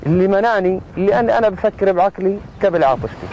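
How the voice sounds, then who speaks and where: A man's voice: sits high, expressive, very fast, darkish tone, muffled recording, slight background noise. A man speaking reflectively in an interview.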